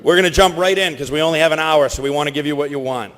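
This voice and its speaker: Talking very fast in a voice on the high side, a man hosting and creating a live convention panel projects loudly to hype the crowd. His stage microphone feeds a PA in a large hall, giving an echoey sound with long reverb.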